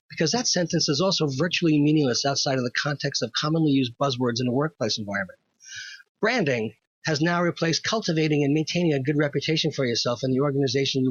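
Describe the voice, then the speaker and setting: A man's voice: on the high side, no room sound, dull audio. A man hosting a scripted opinion monologue, wry, wordy and pedantic. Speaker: host.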